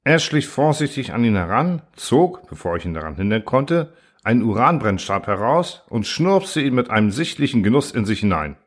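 A man reading a first-person science fiction story aloud in a calm, even storytelling manner. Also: mid-range voice, normal speed. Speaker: audiobook narrator.

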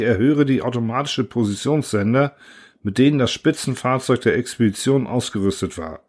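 A man reading a science fiction story aloud in steady scripted narration. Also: medium pitch. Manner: steady, even audiobook reading.

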